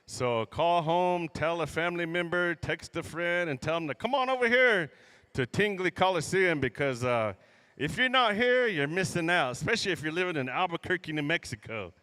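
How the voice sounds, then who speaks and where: A man working as a powwow emcee, addressing the arena crowd in a folksy, drawn-out announcer style with joking asides, over the PA. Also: on the high side, expressive, sharp tone, clear, resonant tone. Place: large indoor coliseum. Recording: arena PA with long hall reverb.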